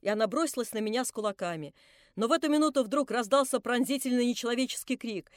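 High-voiced woman reading a classic novel. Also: no echo, studio quality. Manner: measured, dramatic, quieter in narration. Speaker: audiobook reader.

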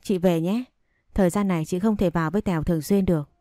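A woman's voice: fairly low pitch, fast, mellow, dry recording, clean studio sound, natural voice. A woman reading the lines of a troubled, guarded young woman in an audio story. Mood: resigned.

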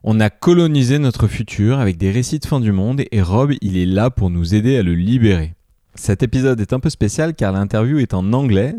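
A man with a French accent hosting a podcast, reading a lively intro and then asking questions in halting English. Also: lowish voice, no room sound, clean studio sound. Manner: enthusiastic, hesitant when speaking English. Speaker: podcast host. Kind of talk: scripted podcast intro and interview.

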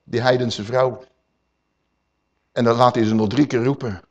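A man preaching a sermon, emphatic and swinging between loud and hushed, calling his listeners dear people. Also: mid-range voice, fairly even intonation, unhurried, dull audio.

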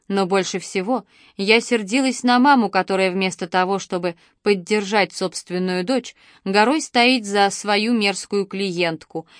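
A woman narrating a first-person novel in a steady, expressive storytelling manner on a close studio microphone. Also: mid-range voice, no echo. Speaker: audiobook narrator.

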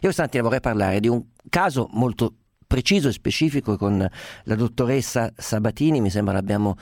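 A man's voice: mid-range voice, brisk, darkish tone, no echo, clean studio sound. A man hosting a radio phone-in show, wordy and ironic, with frequent fillers. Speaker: radio talk show host.

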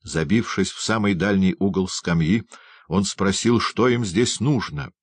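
Низкий мужской голос чтеца. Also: male voice, low voice, measured pace, slightly rough, no room sound. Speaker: audiobook narrator. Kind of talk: literary audiobook narration.

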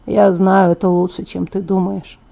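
A woman voicing a bitter, resolute young man in an audiobook, speaking low, slow and flat. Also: gravelly. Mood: quiet tender.

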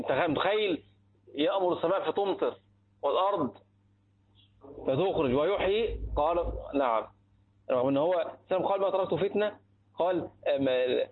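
A man's voice: on the high side, breathy edge. A man with an Egyptian accent gives a religious lesson on a hadith text, often posing a question and answering it himself. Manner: asks rhetorical questions and answers them himself. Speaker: Islamic teacher explaining a hadith text. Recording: tinny phone-like recording.

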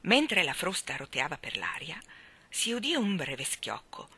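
Expressive woman reading a storybook. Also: deep voice, measured pace, slight background noise. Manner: expressive, shifting between voices. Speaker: audiobook reader.

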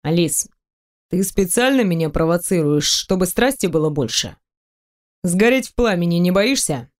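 A woman voicing a confident, seductive grown man who talks in a low, velvety, coaxing way in an audiobook. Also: lively intonation, moderate pace, natural voice. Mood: teasing. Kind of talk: audiobook reading.

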